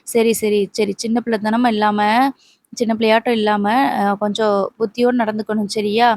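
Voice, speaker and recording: A woman voicing a middle-aged uncle who gently lectures his niece, in a soothing way. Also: medium pitch, flat delivery, normal speed, no room sound, natural voice. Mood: advising.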